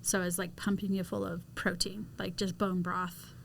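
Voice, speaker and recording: A woman's voice: on the low side, level tone, normal speed, gravelly, fairly bright tone. A woman chatting casually as co-host, adding details to her husband's story with frequent fillers. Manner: chimes in with supportive details, lots of "like". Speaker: co-host, wife of the host. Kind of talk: casual podcast chat.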